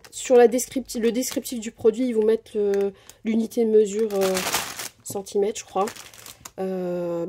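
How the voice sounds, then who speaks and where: Over a table shot showing just her hands, a craft vlogger of Portuguese descent chats through her supply haul, hesitating and filling gaps with fillers. Her voice is on the high side and mellow, with slight background noise.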